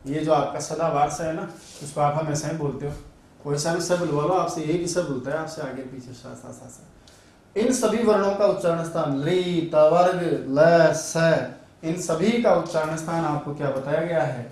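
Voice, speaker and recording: A man's voice: on the high side, normal speed, darkish tone. A male Sanskrit teacher giving an online grammar lesson, drilling sounds aloud and asking and answering his own questions. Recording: very echoey room, voice a bit far from mic.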